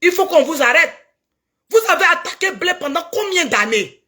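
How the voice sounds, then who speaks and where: A woman's voice: very high-pitched, animated, normal speed, sharp tone. A woman with an Ivorian French accent delivering a heated, preachy video rant and scolding someone emphatically. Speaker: social media commentator.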